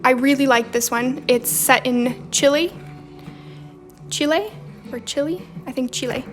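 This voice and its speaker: Speaking a little slowly in a high voice, a young woman with a slight Romanian accent hosts a journaling livestream. She chats casually, reading viewer comments aloud and responding to them, with faint music behind her.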